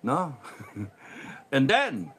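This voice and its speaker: A middle-aged Filipino man hosting a casual livestream, reading viewer comments, laughing often and dropping to a low mutter after his jokes. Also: wildly swooping pitch, very slow, a bit bright, husky. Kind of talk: casual livestream talk, mixing Tagalog and English.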